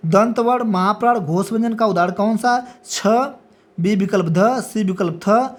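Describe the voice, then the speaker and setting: A woman's voice: mid-range voice, normal speed. A woman teacher reading multiple-choice exam questions and their options aloud, then confirming each answer with a brief check. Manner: repeats a checking "ठीक है" after each answer. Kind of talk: exam practice lecture.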